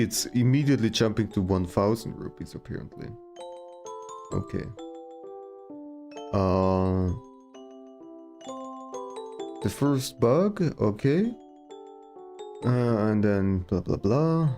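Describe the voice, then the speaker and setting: A woman's voice: extremely low pitch, dark tone. A woman streamer giving casual commentary as she plays a video game.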